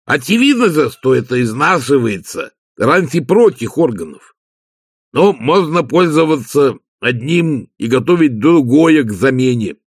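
A man reading an audiobook, voicing a slow, gloomy male servant who talks in a deliberate, matter-of-fact way. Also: medium pitch, very animated, slightly rough, no room sound, studio quality, voice pushed up. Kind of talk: audiobook character voice.

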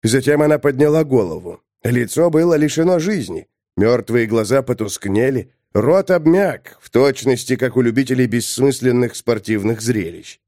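A man narrates an audiobook with expressive, theatrical delivery. His voice sits at a middle pitch, recorded close and dry. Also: normal speed, hardly any pauses, dry recording.

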